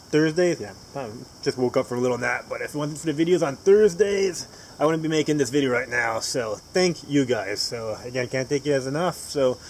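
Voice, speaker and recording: A man's voice: a little high, a little hiss or hum, rough recording. A man hosting a casual video while working on a vehicle at home, rambling with many filler words and dry, self-mocking humor. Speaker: host. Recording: crickets and insects chirping loudly behind.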